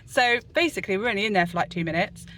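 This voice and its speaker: A woman's voice: medium pitch, expressive, rapid-fire, fairly bright tone. Chatty woman vlogging on a phone. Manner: chatty, laughs often. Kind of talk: casual vlog to phone camera. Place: hospital corridors, then a car. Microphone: handheld phone.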